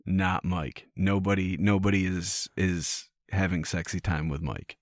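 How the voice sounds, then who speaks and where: Deep-voiced male podcast co-host, dry close sound, teasing banter with frequent restarts. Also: steady tone, unhurried, dry recording. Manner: teasing, repeats words as he restarts. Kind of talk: casual chat.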